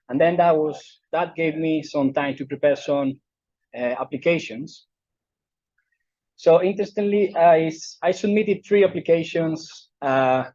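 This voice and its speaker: At a conference in a lecture room, an invited speaker, a middle-aged man from southern Spain with a Spanish accent, gives a talk full of fillers and restarts. His voice is fairly high and a little mellow. The recording has no room sound but is muffled.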